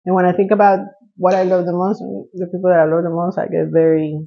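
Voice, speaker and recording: A Costa Rican woman in her thirties chats casually as a podcast guest from a living-room couch, laughing often and trailing off. She talks fast in a fairly low, fairly even voice, captured with lo-fi sound.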